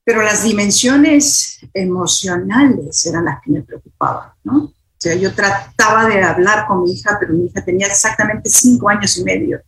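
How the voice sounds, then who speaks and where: A woman's voice: medium pitch, normal speed, poor audio. A middle-aged woman journalist telling a personal story in an interview, hesitant, with many fillers and restarts.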